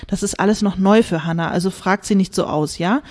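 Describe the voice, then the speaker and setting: A woman's voice: medium pitch, fairly quick, darkish tone, natural voice. A woman reading from her novel, voicing a self-important man who leads a discussion group in a patronizing tone. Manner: patronizing, soothing.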